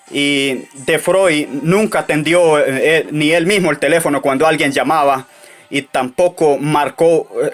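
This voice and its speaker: A man telling anecdotes in a casual monologue, halting often with fillers and restarts. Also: a little high, a bit bright.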